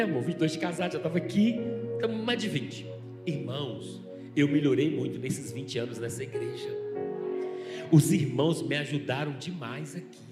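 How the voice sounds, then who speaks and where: Middle-aged pastor, man, high-pitched, fervent preaching; roomy church sound with music underneath. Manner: impassioned preaching, swinging from loud to soft. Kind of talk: sermon. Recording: echoey church hall with music.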